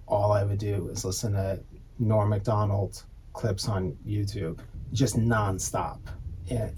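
A man's voice: fairly low pitch, warm tone, a little hiss or hum. A man co-hosting a podcast, chatting casually and rambling with lots of fillers and swearing. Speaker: podcast co-host; designer. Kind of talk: casual chat.

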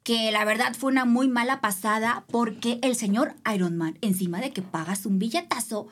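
Lively Mexican woman telling a race story. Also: fairly high pitch, moderate pace. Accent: Mexican Spanish. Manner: animated, acts out voices of others. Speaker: guest, triathlete. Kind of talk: casual interview storytelling.

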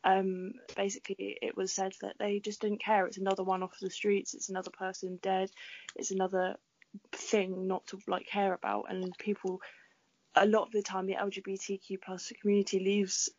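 A woman's voice: medium pitch, completely flat delivery, moderate pace, darkish tone, lo-fi sound. A young woman co-hosting a casual podcast, chatty and earnest, with a groggy morning voice. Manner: chatty, filler-heavy, earnest. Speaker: podcast co-host.

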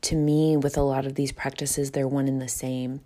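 A woman's voice: very deep voice, level tone, moderate pace, warm tone. A woman hosting a solo self-help podcast, speaking earnestly and reflectively, often rephrasing and repeating herself for emphasis. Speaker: podcast host and coach.

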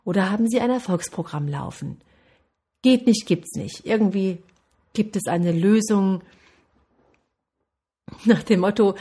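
A woman's voice: medium pitch, mellow, breathy edge. A woman speaking as a success coach, giving an earnest, encouraging motivational talk straight to her listeners.

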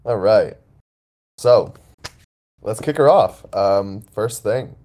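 Excitable co-host with a lively voice. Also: mid-range voice, slow pace. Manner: excitable, laughs often. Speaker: community call co-host. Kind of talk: casual group call. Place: room shared with friends.

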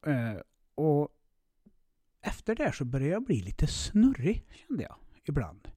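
A man's voice: on the high side, wildly swooping pitch, warm tone, husky, no room sound, clean studio sound. A man hosting a podcast, telling a personal story in a casual way with lots of swearing, fillers and restarts. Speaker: podcast host.

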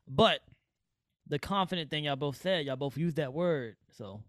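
A man hosts a podcast in a laid-back, casual way, full of easy slang. His voice sits a little on the high side. The recording is dry and close. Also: expressive, unhurried, a bit bright, no room sound. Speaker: podcast host. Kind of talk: casual chat.

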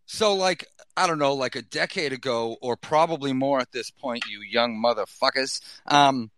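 A man's voice: mid-range voice, moderate pace, heavy background noise. A man with a Boston accent hosting a podcast in a casual, slangy, rambling style full of swearing. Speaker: podcast host. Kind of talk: casual, profane hype-man chat. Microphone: gaming headset.

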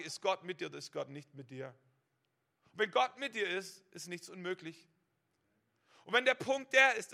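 A male preacher with a high voice, a gravelly edge and a sharp, forceful tone. He delivers a sermon in direct address and stacks one rhetorical question on the next. He often restarts a phrase by doubling its first word. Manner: stacks rhetorical "what if" questions, repeats words when starting.

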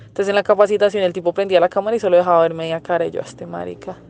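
A woman's voice: fairly low pitch, steady tone, very fast, darkish tone. A young Colombian woman telling a story casually, swearing freely and acting out the lines she quotes. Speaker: interviewee.

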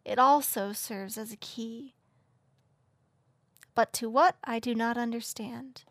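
A man's voice: very high-pitched, steady tone, a bit bright, no room sound, pitched above the performer's own voice, full character voice. Man voicing a frail, dying fay queen. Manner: solemn, slow, formal speech. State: weak and faint. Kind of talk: audiobook character voice.

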